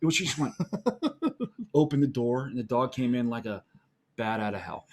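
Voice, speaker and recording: A man's voice: medium pitch, moderate pace. A middle-aged man with a Pittsburgh accent, co-hosting a podcast and telling a long self-deprecating story in a rambling, casual way. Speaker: podcast co-host.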